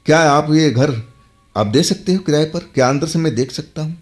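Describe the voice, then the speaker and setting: A man's voice: a little high, moderate pace, a little mellow, soft background music, voice pushed up, natural voice. A man voicing a polite, eager man asking to rent a house in a told horror story.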